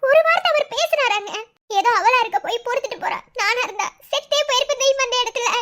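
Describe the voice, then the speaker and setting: A woman with a Madurai Tamil accent voices an upset young wife in a village cartoon, speaking fast in a very high, squeaky voice. She sounds tearful and indignant and keeps sighing over the family's troubles, with noise in the background.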